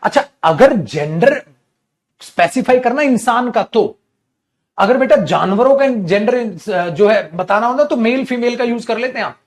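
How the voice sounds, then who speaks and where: Male grammar teacher, high-pitched, animated, coaxing online lecture delivery. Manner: animated, addresses students as "beta"; drawls sentences slowly while writing. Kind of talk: online exam-prep lecture.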